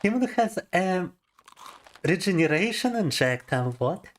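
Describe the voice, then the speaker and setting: A man's voice: sits high, very animated, a little slow, slight background noise. A man and native Russian speaker chatting casually on a gaming livestream, laughing often and explaining things to viewers as he plays, into a desk microphone.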